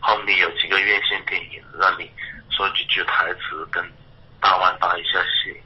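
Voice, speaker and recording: A man's voice: low-pitched, little pitch movement, moderate pace, husky. A man, a film director, talking casually and persuasively over a landline phone with offhand chuckles. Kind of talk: casual private phone call. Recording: dull, muffled phone line.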